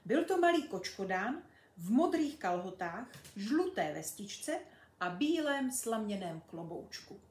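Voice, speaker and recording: A woman reading a children's book aloud, expressive and storytelling, in an echoey room. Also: mid-range voice. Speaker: reader.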